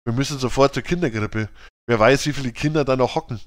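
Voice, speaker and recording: A man's voice: mid-range voice, fast, natural voice. A man voicing a sporty, caring girl who speaks with pressing concern.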